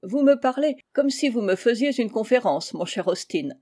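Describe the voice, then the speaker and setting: A woman's voice: fairly high pitch, animated, moderate pace, dark tone. A woman voicing a cheerful, teasing young engaged woman in an audiobook, with a light, playful delivery.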